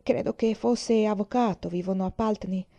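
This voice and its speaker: A woman's voice: medium pitch, fairly even intonation, moderate pace, creaky, dark tone, highs cut off, lightly acted. A woman reading an audiobook voices a distressed, earnest young woman who speaks in a pleading, agitated way.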